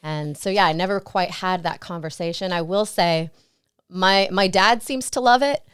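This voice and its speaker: A stunt performer and actress, interviewed as a guest, looks back on her career in a relaxed, storytelling way, laughing often. Her voice is lowish, a bit bright and smooth, at normal speed. The studio recording is clean with no echo.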